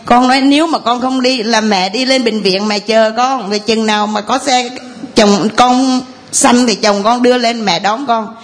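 A woman's voice: fairly high pitch, steady tone, normal speed. A woman, telling a long, rambling, earnest story of faith to a priest in church. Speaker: parishioner giving testimony. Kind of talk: tearful church testimony.

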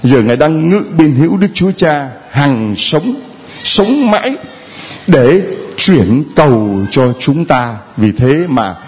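A man who is a priest, giving a sermon and teasing people in the audience, sometimes chanting prayer lines slowly. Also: medium pitch, animated, a little mellow. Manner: teasing, jovial, slow chant-like prayer phrases.

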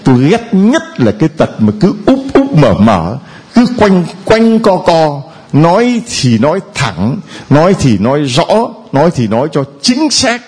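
Preacher: middle-aged man, animated sermon, pitch rising and falling a lot, slightly high voice. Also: moderate pace, few pauses, breathy edge. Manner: lively, animated preaching with sung snatches and mimicked voices. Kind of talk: sermon at a retreat.

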